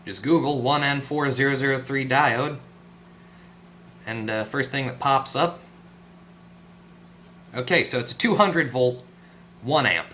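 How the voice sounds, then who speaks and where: Medium in pitch and sharp in tone, this man speaks at a measured pace with long pauses, over slight background noise. He's hosting a hands-on electronics repair tutorial, explaining casually and spontaneously while thinking aloud and correcting himself.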